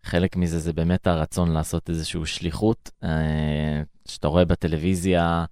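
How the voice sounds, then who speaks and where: A man's voice: deep voice, flat delivery, a little mellow, clean tone, no room sound, clean studio sound. A young man with an Israeli accent, reflectively and earnestly telling his experiences as an interview guest. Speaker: interview guest, former emissary abroad. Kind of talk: conversational interview storytelling.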